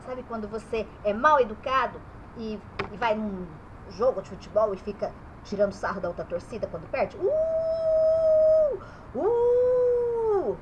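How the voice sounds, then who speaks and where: A woman's voice: mid-range voice, steady tone, brisk, muffled recording, heavy background noise. A woman teaching young children about letters and vowel sounds in her bedroom, stretching the vowels as she speaks.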